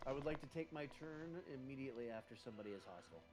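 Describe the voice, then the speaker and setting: A man's voice: mid-range voice, lively intonation, rapid-fire, music in the background, low-quality recording. A man casually explaining his moves as a player in a tabletop role-playing game.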